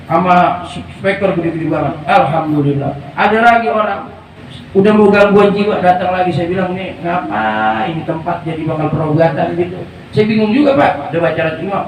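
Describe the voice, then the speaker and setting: Lively preacher in an echoey hall. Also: male voice, high voice. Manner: lively, joking, slangy. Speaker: religious preacher. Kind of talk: informal sermon with storytelling. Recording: echoey, distant room mic with faint ambient noise.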